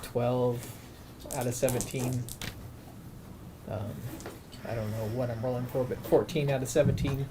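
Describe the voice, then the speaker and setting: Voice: mid-range voice, flat delivery, unhurried, pauses often, noisy background. A tabletop game player who talks animatedly and keeps jumping in to finish others' sentences. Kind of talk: casual in-character play.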